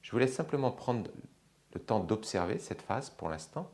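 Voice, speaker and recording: A man teaching yoga, calmly guiding a slow breathing exercise with long pauses. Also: on the low side. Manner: slow, calm, measured guidance with long pauses. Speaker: yoga instructor.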